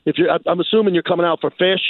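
A New York man with a notably high voice talks sports in an animated interview, sounding like a radio guest. He speaks rapid-fire and emphatically, repeating phrases to hammer his points home. The recording is dry and close, with a thin, narrow sound like a phone line.

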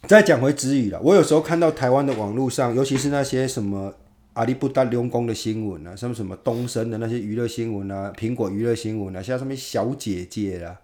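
A man's voice: medium pitch, fast, darkish tone. A man with a Taiwanese Mandarin accent, hosting a casual chat in a blunt, colloquial way, slipping into Hokkien slang and mild swearing. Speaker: podcast host.

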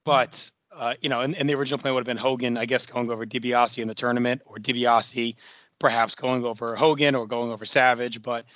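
A man with a hoarse, raspy, worn-out voice, talking casually as a podcast co-host. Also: mid-range voice, level tone, fairly quick, fairly bright tone, no echo, lo-fi sound. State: hoarse, voice nearly gone, throat-clearing. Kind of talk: casual conversational podcast talk.

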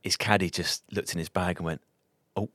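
A man's voice: low voice, steady tone, brisk, fairly bright tone, no room sound, clean studio sound. A man co-hosting a podcast in casual chat, chatty and laughing often. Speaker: podcast co-host.

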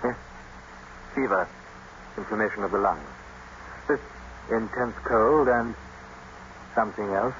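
An actor playing a grave, concerned family doctor, solemn and deliberate, in 1950s radio drama style. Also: male voice, lowish voice, a bit bright. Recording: dull old radio broadcast, faint noise.

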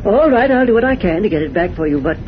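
A man's voice: high voice, expressive, fast. A man playing a fussy, hesitant, flustered older bookshop owner who stammers, in 1940s radio acting. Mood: obliging. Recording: dull, noisy vintage radio recording.

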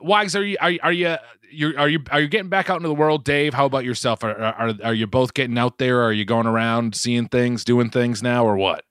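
A man's voice: mid-range voice, fairly even intonation, fairly quick, hardly any pauses, fairly bright tone, smooth, no room sound, studio quality. A man with a Boston accent chatting casually and comedically, swearing freely and often stumbling over repeated words as he starts. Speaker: podcast host.

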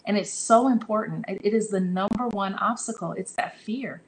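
A woman's voice: medium pitch, normal speed, a little hiss or hum, low-quality recording. A woman answering interview questions about her publishing business, earnest and encouraging, often restarting her sentences. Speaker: guest, publishing company leader.

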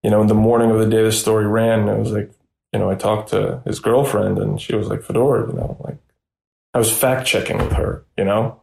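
A young man from Russia, a reporter talking as a guest in a casual interview, animated and rambling with many fillers. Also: on the low side, fairly quick, gravelly, roomy sound.

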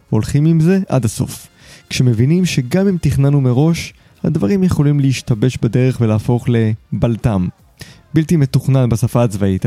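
Male podcast host, dark dry voice. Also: medium pitch, no echo. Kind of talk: scripted podcast narration and casual chat.

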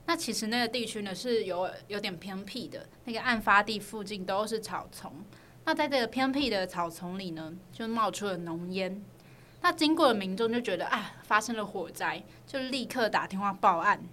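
A woman's voice: mid-range voice, lively intonation, normal speed, a bit bright, slight background noise. A woman with a Taiwanese Mandarin accent tells a true crime story as a podcast host, in a conversational narrator's style.

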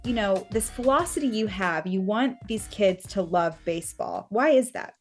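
A woman's voice: medium pitch, lively intonation, normal speed, faint music behind. A woman conducting a sports interview in a casual, chatty style.

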